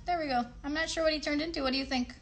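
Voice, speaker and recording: Talking very fast in a high voice with fairly even intonation, a woman runs a kids' craft livestream. She narrates each step simply, checks in with her young audience often, and keeps up a chatty, encouraging stream of questions.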